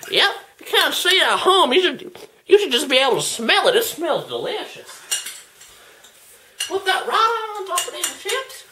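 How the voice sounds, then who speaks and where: A man's voice: very high voice, huge pitch swings, moderate pace, sharp tone, heavily acted. A young man voicing Floyd, a folksy, goofy male cooking-show host who keeps saying "y'all" and "folks," in a hammy, put-on voice, filmed in a home kitchen by a camera across the room. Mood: excited. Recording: echoey kitchen, far camera mic, faint noise.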